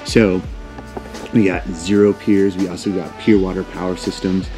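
A man's voice: low voice, flat delivery, moderate pace, over music. A man in his thirties hosting a casual, upbeat walk-through tour of a large warehouse on a lapel mic. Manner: upbeat, enthusiastic. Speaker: vlog host.

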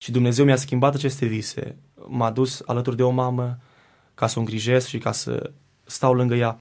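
A man, a singer and guest, giving an earnest, reflective faith testimony in a studio interview, pausing and restarting as he recalls. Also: mid-range voice, level tone, a little mellow.

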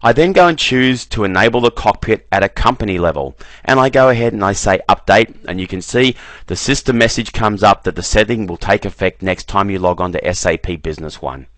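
A man giving a relaxed screen-recorded software walkthrough, often repeating "very, very" as he clicks through menus. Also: on the low side, fairly quick, no room sound. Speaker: software trainer.

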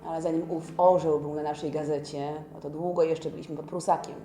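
Casting: actress as earnest newspaperwoman of the 1920s, lowish, very mellow voice, reflective historical audio drama. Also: level tone, fairly quick, faint music behind, close to an everyday voice. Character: earnest 1920s newspaperwoman recalling what she witnessed.

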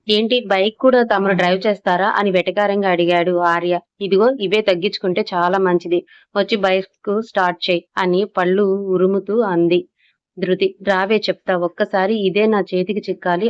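A woman reading a romantic serial story aloud as narrator, voicing the characters' dialogue in her own voice with little change. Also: mid-range voice. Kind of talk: scripted audiobook narration. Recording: slightly dull lo-fi audio.

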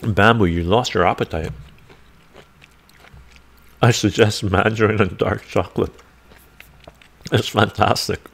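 The livestream host is an older man with a congested chest, talking at a measured pace in a fairly low, fairly bright voice with vocal fry and frequent pauses. Surrounded by bookshelves at home, he reads viewer comments aloud into a desk mic, rambling and chuckling.

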